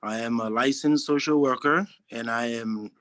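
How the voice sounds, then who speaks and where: This fairly bright, mid-range male voice belongs to a Haitian social worker in his 40s being interviewed for a testimonial. He is earnest yet halting, restarting his sentences often, and there is no room sound.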